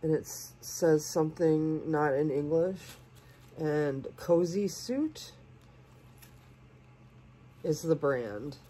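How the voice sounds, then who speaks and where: A woman with a cold, sounding congested and sniffly, gushing softly as she unboxes doll clothes and sometimes dropping to a whisper. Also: deep voice, lively intonation, slow pace, pauses often, slight background noise. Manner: gushing, soft-spoken, sometimes drops to a whisper. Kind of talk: casual unboxing chat.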